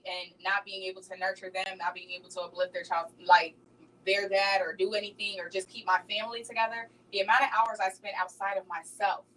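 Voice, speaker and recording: A woman's voice: mid-range voice, a bit bright, distant mic, slight background noise, rough recording. A woman speaking as a talk show guest, passionate and emphatic, often checking in with "right?". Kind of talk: casual radio talk show chat.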